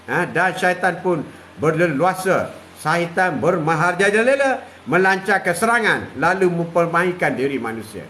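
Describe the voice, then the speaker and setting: An older man preaches. His voice sits high, and he repeats key phrases, drops a steady "ha" between lines, and chuckles now and then. A faint ambient hiss sits underneath. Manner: repetitive, drawn-out, punctuated with "ha" and chuckles. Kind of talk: live religious talk.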